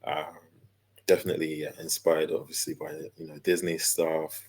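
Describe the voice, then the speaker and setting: A laid-back man in his thirties talks as an interview guest. His voice sits very low and deep. He speaks in an easygoing, unhurried way, with plenty of fillers. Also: little pitch movement, a little mellow, slightly rough. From London, England. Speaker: guest, character designer and illustrator. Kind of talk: casual interview chat.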